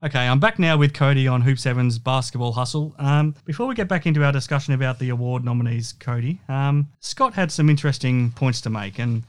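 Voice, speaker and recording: A man's voice: medium pitch, fairly quick, few pauses, clear, resonant tone. A man with an Australian accent, hosting a basketball show as a casual interview.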